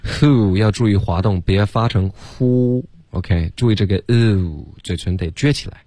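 A deep-voiced man coaching English pronunciation. He corrects students one by one and models each sound slowly. The sound is dry and close. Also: warm tone, no room sound. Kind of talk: pronunciation coaching in a broadcast class.

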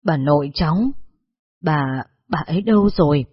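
A narrator voicing an elderly man, a street zither player, who speaks in a halting, trembling way. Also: medium pitch, husky. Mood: tremulous. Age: over 60. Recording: dull lo-fi recording.

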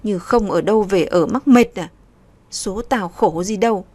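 A woman voicing a stubborn, sharp-tongued pregnant young woman who answers with brash, scornful retorts. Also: medium pitch, a little slow, no echo, close to an everyday voice. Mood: defiant.

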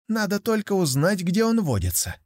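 A man's voice: high-pitched, huge pitch swings, moderate pace, darkish tone, no echo, clean studio sound, voice pushed up. A man voicing a naive, hot-headed young male tiger in a storybook tale, exclaiming in a raised, eager voice. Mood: wondering.

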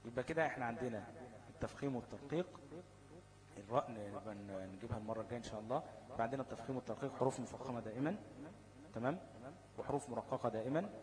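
Recorded in low quality, this mid-range male voice belongs to an Egyptian Arabic-accented teacher giving a class on recitation rules. His habit is to pose a question, answer it himself, and then check in with "okay?" again and again to see that the students follow.

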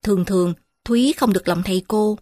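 A woman narrating a story in a calm, measured reading voice. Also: mid-range voice.

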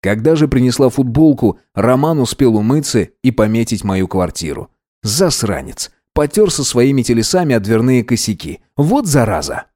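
A man narrating a fantasy audiobook in the first person, even and measured. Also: medium pitch.

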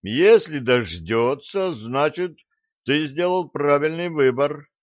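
A man reading an audiobook, voicing a calm, authoritative ship captain in a measured way. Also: mid-range voice, no echo, highs cut off, lightly acted. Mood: firm.

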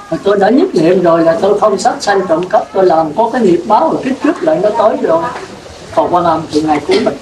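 A Buddhist monk giving a sermon in a plain-spoken way, putting questions to his listeners. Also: sits high. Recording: roomy, distant mic with clear noise.

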